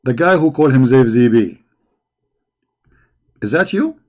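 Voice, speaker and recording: Animated but unhurried, a man with a medium-pitched, slightly mellow voice hosts a religious debate stream. He treats questioners with combative mockery and frequently repeats words while searching for phrasing.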